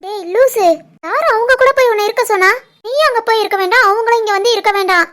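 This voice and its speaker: A woman voicing a caring young wife who comforts her husband, in an animated family drama, with a Tirunelveli Tamil accent. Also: very high-pitched, fast talker. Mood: tender. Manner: soothing, coaxing.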